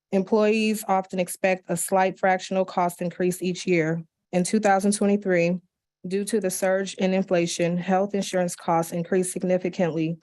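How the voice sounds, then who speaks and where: A woman reads public comment letters out loud at a county commission meeting, her voice on the low side. She keeps a steady, measured pace, though she makes small slips and restarts.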